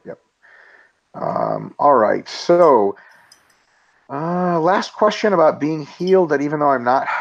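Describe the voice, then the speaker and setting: A man's voice: mid-range voice, dull audio. A man co-hosting a casual webinar Q&A, reading out listener questions and answering them bluntly with plenty of swearing. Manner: blunt, emphatic, swears freely.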